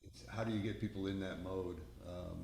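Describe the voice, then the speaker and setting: A man's voice: low-pitched, steady tone, fairly quick, vocal fry, mellow. A man in a group discussion, talking thoughtfully and searching for his words. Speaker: class participant in ministry. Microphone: video call. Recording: roomy sound with faint noise.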